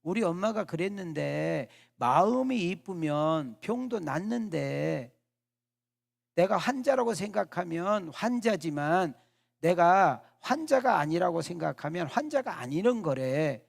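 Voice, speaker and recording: A man voicing a chatty, innocent nine-year-old girl in a sermon story, talking slowly in a coaxing, sing-song way. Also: high-pitched, animated, gravelly, heavily acted. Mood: earnest. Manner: coaxing, slow, sing-song childish talk.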